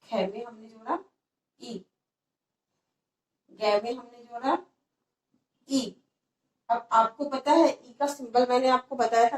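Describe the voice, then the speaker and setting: A woman teaching children vowel signs, asking questions and answering them herself, stressing each sound slowly. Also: fairly high pitch, a little mellow, reverberant, recorded from a distance, low-quality recording. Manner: stresses pronunciation slowly and repeatedly. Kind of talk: Hindi alphabet lesson for children.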